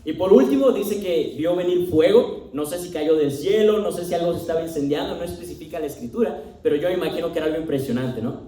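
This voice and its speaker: A young Mexican man preaching a sermon in a high, mellow voice. He talks conversationally and keeps checking in with a questioning "right?". His voice carries across a roomy, echoing space from some distance off the mic. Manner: reads scripture slowly, swings between loud emphasis and quiet asides. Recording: echoey room, speaker distant from mic.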